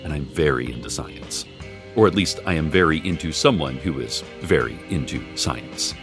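A deadpan radio host of an eerie town. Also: male voice, moderate pace, over music. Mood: wry. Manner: dry, deadpan delivery with lively swings in pitch. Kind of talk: scripted radio drama narration.

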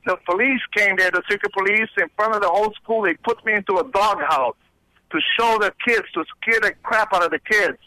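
Male radio caller from Romania, earnest storyteller, high bright voice, phone line. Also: a little fast, no room sound. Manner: earnest, tells a personal story.

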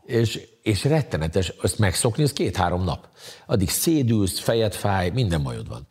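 A man with a very deep, husky voice in casual conversation. He rambles through his stories with crude jokes and loose asides. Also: big pitch swings, darkish tone. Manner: crude, joking, rambling storyteller. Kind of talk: casual chat.

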